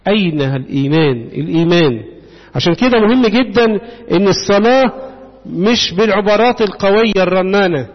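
A man with an Egyptian accent preaching a sermon, often pausing on questions for the congregation to answer. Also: high voice, expressive. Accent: Egyptian Arabic. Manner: call-and-response questioning of the congregation. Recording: dull reverberant hall sound.

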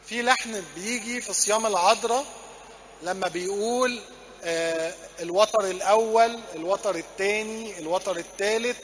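A man's voice: high-pitched, normal speed, a bit bright, big-room sound. A man with an Egyptian accent teaching a Coptic class, drilling numbers and having students repeat after him. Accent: Egyptian Arabic. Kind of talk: classroom lesson. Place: church classroom.

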